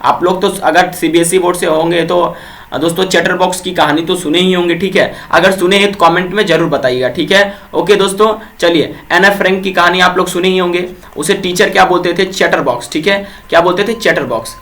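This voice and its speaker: High-voiced man teaching vocabulary, quizzing viewers. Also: brisk, fairly bright tone. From Bihar, India. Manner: repeats quiz questions to viewers, fills with "ठीक है". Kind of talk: exam-prep vocabulary lesson.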